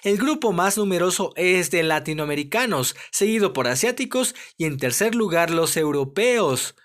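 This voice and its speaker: Lively teacher man explaining a lesson. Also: high-pitched, normal speed. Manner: clear, explanatory, addresses pupils directly with questions. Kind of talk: lesson summary for primary pupils.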